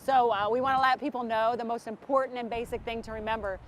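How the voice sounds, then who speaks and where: A woman's voice: a little high, steady tone, fast, a little hiss or hum. A woman beach safety official outdoors, giving an urgent, emphatic safety warning.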